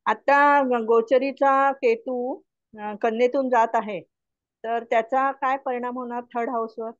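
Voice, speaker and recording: Woman on a bad call line, muffled and far off, asking slow with lots of pauses, kinda high voice. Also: fairly even intonation, dry recording. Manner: slow and halting, with filler pauses. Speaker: student asking a question. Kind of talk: question in an online class. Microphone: remote participant on a call. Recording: dull lo-fi online call audio.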